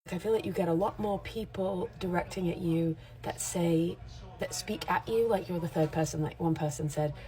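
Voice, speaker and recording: A woman in her forties, working as a makeup artist and content creator, vlogs casually to camera at a normal speed. Her voice sits on the low side and sounds mellow, and she speaks candidly with a little rambling.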